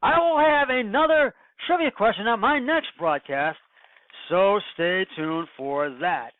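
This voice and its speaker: A man hosting his own sports podcast alone, talking in a halting way with many fillers and restarts. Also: sits high, no echo. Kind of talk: solo sports podcast monologue. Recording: dry, tinny phone-like sound.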